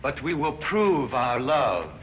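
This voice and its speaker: A frantic young lover. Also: male voice, mid-range voice, big pitch swings, slow, muffled recording, slight background noise. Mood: melodramatic. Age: young adult. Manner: pleading, melodramatic.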